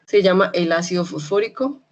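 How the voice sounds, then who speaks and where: Teaching chemistry online in a chatty way, a young adult woman speaks with a Medellín Colombian Spanish accent. She keeps checking in with students and repeats key terms slowly. Her pitch is fairly low, and the recording sounds muffled.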